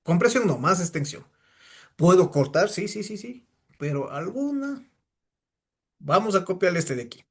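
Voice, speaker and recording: A man's voice: high voice, big pitch swings, unhurried, long pauses. A man teaching a physics class, lecturing and firing questions at his students. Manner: asks the class many rhetorical questions.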